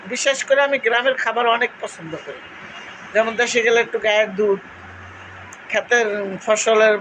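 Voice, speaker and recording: A woman's voice: mid-range voice, fairly bright tone, slight background noise, rough recording. Rambling woman with Cumilla Bengali accent. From Cumilla, Bangladesh. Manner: rambling, nostalgic storytelling with fillers. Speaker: vlogger. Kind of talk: casual chat to followers.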